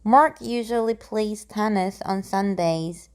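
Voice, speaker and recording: A woman reading simple grammar example sentences aloud in a slow, deliberate way, pausing between each one. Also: mid-range voice, clear, resonant tone.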